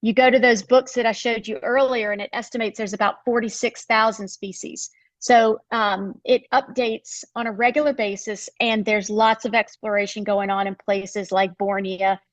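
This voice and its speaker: Woman, professor delivering a relaxed recorded lecture, dry close-mic sound, mid-range voice. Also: mid-range voice, no room sound. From United States. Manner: explanatory, conversational with frequent um fillers. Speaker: biology professor giving a workshop talk.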